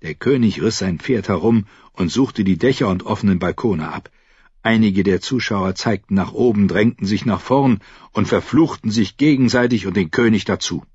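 A man reading a fantasy novel aloud with dramatic, expressive narration. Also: on the low side, normal speed, breathy edge, no echo. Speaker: audiobook narrator. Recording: dry, slightly dull audiobook recording.

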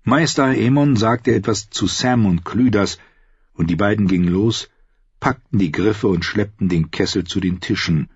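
Low husky guy reading a fantasy audiobook, dry close sound, bit dull. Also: moderate pace, dry recording. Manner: steady storytelling. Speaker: audiobook narrator. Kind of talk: scripted fantasy narration.

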